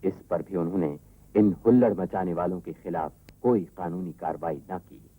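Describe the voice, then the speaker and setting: A man with a very low, dark voice delivers formal, measured documentary narration. His tone is husky, and the sound comes off an old worn tape. Faint music plays underneath. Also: fairly even intonation, dry recording, low-quality recording. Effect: old worn tape recording.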